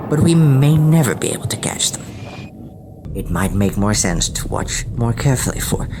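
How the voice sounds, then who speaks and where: Casting: man as resolute female starship captain, measured and authoritative, audio drama, noisy ship backdrop. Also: very animated. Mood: reflective, resolute. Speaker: actor in science fiction audio drama. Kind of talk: science fiction audio drama acting. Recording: clear background ship rumble and noise.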